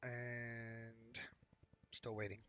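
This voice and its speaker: A man streaming a card game live, muttering casual commentary to himself as he plays, with a sore, squeaky throat. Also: completely flat delivery, drawn-out words, a bit bright, a little hiss or hum.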